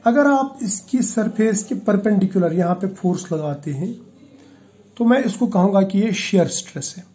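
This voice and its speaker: A man with a high, mellow voice delivers a chemistry lecture. He explains each idea step by step, slips English technical terms into his Hindi, and keeps checking that his students follow. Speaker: chemistry teacher. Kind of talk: classroom lecture.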